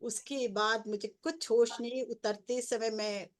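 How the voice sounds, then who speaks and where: A woman's voice: on the high side, a little slow. A middle-aged woman, a spiritual coach, earnestly recounting her spiritual experiences as a personal story. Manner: earnest storytelling, grows excited and breathless. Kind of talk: personal testimony.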